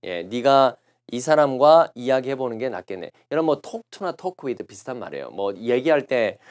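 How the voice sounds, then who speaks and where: A man lecturing on English test answers, explaining patiently and repeating phrases slowly to show how they are pronounced. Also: medium pitch, very animated. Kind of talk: recorded classroom lecture.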